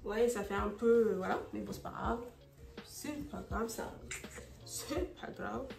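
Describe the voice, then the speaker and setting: Her voice mid-range and gravelly, a woman talks at a measured pace in a casual vlog as she tidies her bedroom. French is her second language, and her chatter is full of fillers, restarts and English phrases. Faint music plays in a roomy, distant recording.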